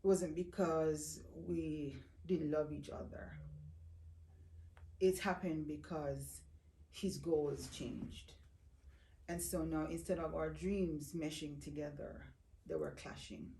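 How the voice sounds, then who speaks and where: A woman guest slowly and reflectively telling her life story in an interview, often speaking of her faith. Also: low-pitched, steady tone, warm tone, recorded from a distance, slight background noise. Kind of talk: personal testimony interview. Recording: roomy echo, voice off-mic.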